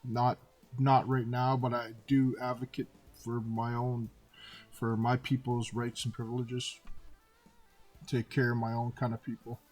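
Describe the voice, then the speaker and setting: A man in his fifties recounts his run-ins in a loose, conversational monologue, repeating "and I said" as he acts out each exchange. His pitch sits at an ordinary middle height. Faint music plays underneath. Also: a little slow. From Canada. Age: 50s. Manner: animated retelling, acting out dialogue with repeated "and I said". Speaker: artist telling personal stories. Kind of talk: casual storytelling monologue.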